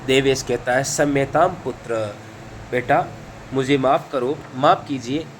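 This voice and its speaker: A man's voice: medium pitch, measured pace, slight background noise. A man teaching a lesson, reading each phrase and then explaining it line by line. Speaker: Sanskrit teacher.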